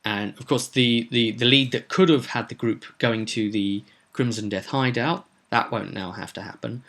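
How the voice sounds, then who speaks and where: Steady in tone and moderate in pace, this man's medium-pitched, fairly bright voice carries a casual game-master recap of a roleplay session. He talks to vlog viewers in a rambling, conversational way, with occasional dramatic emphasis.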